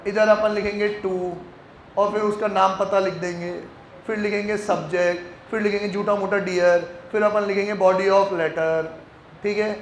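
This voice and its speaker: A male accounting teacher giving a classroom lecture, leading his students in loud call-and-response chants. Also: sits high, slight background noise. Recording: echoey classroom with faint ambience.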